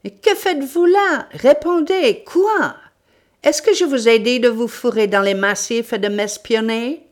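A woman reading an audiobook, voicing an imperious, irritable English detective man who scolds with sharp questions. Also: medium pitch, very animated, a little slow, voice pushed up. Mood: furious. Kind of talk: audiobook character voice.

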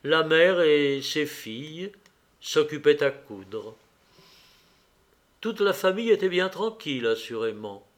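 A man narrating a classic story as an audiobook in a measured, expressive way. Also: on the high side.

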